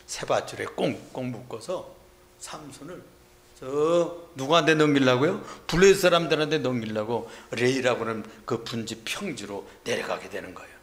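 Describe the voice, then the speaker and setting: A middle-aged male pastor preaching a Sunday sermon, retelling a story and acting out the shouts of its people. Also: mid-range voice, a little hiss or hum.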